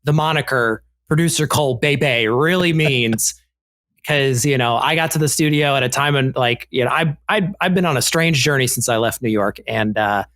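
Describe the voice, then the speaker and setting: A man who produces a podcast, speaking in a heartfelt, halting way with many fillers. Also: medium pitch, fairly bright tone, no room sound. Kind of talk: casual chat.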